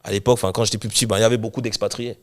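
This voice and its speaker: Young guy, talks super fast, keeps restarting his sentences. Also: lowish voice, little pitch movement. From Cameroon. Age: young adult. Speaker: guest, real estate investor and coach. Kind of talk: casual interview chat.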